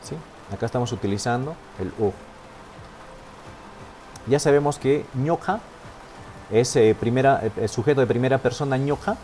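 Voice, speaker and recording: A man's voice: mid-range voice, normal speed, pauses often, warm tone, a little hiss or hum. A man teaching a language class online, patient and step by step, often checking in with his students. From Peru. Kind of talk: online lesson, explaining step by step.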